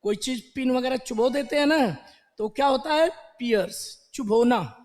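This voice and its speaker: An Indian man teaching an online exam-prep lesson, breaking words into slow drawn-out syllables and repeating them. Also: very high-pitched, in a large hall. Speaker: English teacher.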